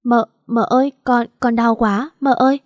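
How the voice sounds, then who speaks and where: A soft-spoken young pregnant wife, put on by a woman reading a story, with a mellow, warm tone. The voice is close and dry, with no room around it. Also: fairly high pitch, fairly even intonation, brisk, no room sound, close to an everyday voice. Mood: pained. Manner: soft, playful, then weak and breathless.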